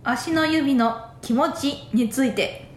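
A woman's voice: sits high, takes it slowly. A woman co-hosting a casual comedy podcast; she is playful and giggly and often answers in short replies. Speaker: podcast co-host. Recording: roomy echo.

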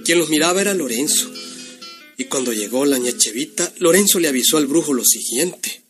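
High-ish male storyteller over guitar music. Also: animated, brisk. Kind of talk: folksy scripted comic narration.

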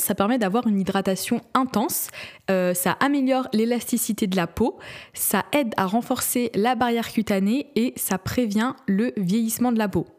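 A woman's voice: medium pitch, a little mellow. Young woman, beauty vlogger; casual, giggly, talks in loose restarts. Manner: chatty, giggly, many fillers and restarts. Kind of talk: casual skincare vlog.

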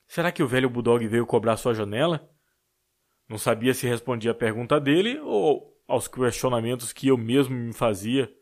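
A man reading a story aloud as an audiobook narrator, in a steady storytelling manner. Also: medium pitch, normal speed. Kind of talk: scripted narration.

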